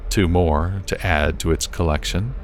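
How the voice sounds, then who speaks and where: A man narrating an audiobook in a slow, measured storytelling manner. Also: sits low, very noisy. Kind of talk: scripted narration.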